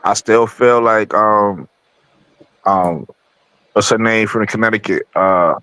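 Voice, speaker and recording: An American man with a fairly low voice co-hosts casual sports talk. He speaks conversationally and restates himself, in a dry, close sound. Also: takes it slowly, sharp tone, dry recording, poor audio. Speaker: talk show co-host.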